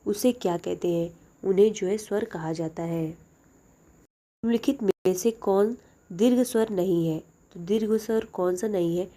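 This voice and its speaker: A young woman with a mellow, warm voice runs through exam-prep questions one after another. She reads each question aloud and then gives its answer in a plain, steady way. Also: medium pitch. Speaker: teacher.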